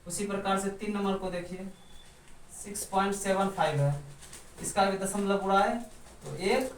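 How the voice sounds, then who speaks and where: A man's voice: high voice, moderate pace. A man teaching math step by step at a board, asking his students questions and then answering them himself. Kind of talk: step-by-step blackboard math lesson. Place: room with a board. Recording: echoey room, distant mic, faint background noise.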